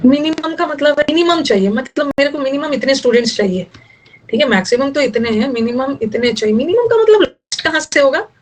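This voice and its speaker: A woman's voice: high-pitched, animated, fairly quick, rough recording. A young woman teaching English vocabulary in Hindi, explaining word meanings and teasing her students a little. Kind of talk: online vocabulary lesson.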